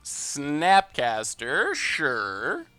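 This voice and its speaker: A little high in pitch with huge swings, he speaks very slowly in a bright, forceful, clear and resonant tone. The card-game streamer keeps things chatty and upbeat, narrating plays and replying to chat messages. The recording is dry with faint background music.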